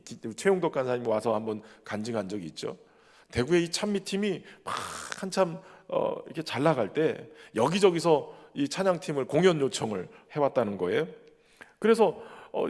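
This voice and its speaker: A man's voice: high voice, in a large hall. A man preaching a sermon as pastor, earnest and emphatic, who keeps addressing the congregation directly.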